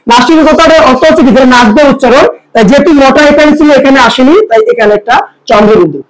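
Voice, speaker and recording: High-voiced man teaching. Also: poor audio. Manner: asks students rhetorical questions, repeats key words slowly. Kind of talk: pronunciation lesson.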